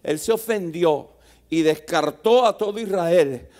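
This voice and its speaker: A male pastor preaching a sermon at a church service, swinging from soft asides to shouted exhortation. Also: on the high side, unhurried.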